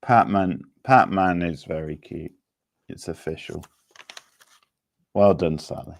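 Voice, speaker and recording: A man hosts a casual video game quiz in a low, gravelly voice. He takes his time, laying out each option and answer deliberately.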